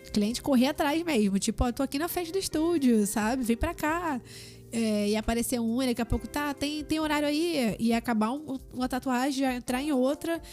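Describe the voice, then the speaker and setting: A woman's voice: sits high, a little fast, darkish tone, soft background music. A woman with a Brazilian Portuguese accent, a tattoo artist and podcast guest, speaking earnestly and reflectively in casual chat.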